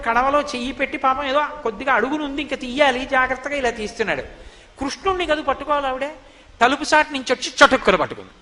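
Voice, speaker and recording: A male preacher telling devotional stories in an animated, lively way. His voice is very high and bright. A long hall reverb follows each phrase. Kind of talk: devotional storytelling discourse.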